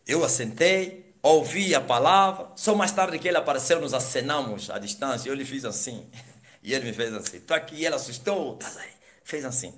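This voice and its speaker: A man, an apostle, telling his conversion testimony in preaching style, swinging from loud exclamations to hushed asides and dropping hallelujahs. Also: medium pitch, lively intonation, a little fast. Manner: peppers speech with hallelujahs and laughs.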